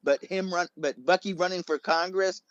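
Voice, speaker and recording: A man's voice: high voice, fairly even intonation, moderate pace, fairly bright tone, no room sound, muffled recording. A man co-hosting a movie review podcast, chatting casually and bluntly. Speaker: podcast co-host.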